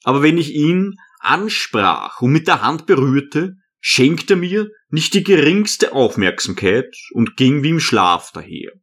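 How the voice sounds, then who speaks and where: A man narrating an audiobook as a first-person storyteller, measured and earnest. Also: on the high side, sing-song, fairly bright tone.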